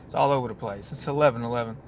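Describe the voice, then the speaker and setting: A man's voice: mid-range voice, very fast, slight background noise. Rambling man chatting on break. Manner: meandering, full of restarts and "you know what I mean". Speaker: vlogger. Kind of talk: casual rambling monologue.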